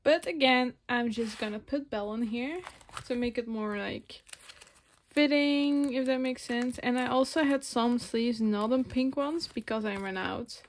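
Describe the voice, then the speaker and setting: A woman's voice: a little high, measured pace. A woman in her twenties from Belgium, a native Dutch speaker, chatting casually and rambling as she sorts photocards. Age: 20s. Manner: rambling, self-correcting, soft-spoken. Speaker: vlogger. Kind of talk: casual chat while sorting photocards. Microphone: phone camera.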